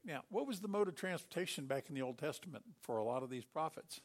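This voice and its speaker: A middle-aged man preaching a sermon, telling Bible stories with animated delivery and acting out the characters. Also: fairly high pitch, quick pace.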